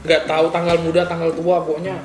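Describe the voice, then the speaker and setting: Speaking fast and monotone in a slightly high voice, a male podcast host chats casually over food, his mouth sometimes full. A crowd can be heard in the background. Music plays in the echoey room.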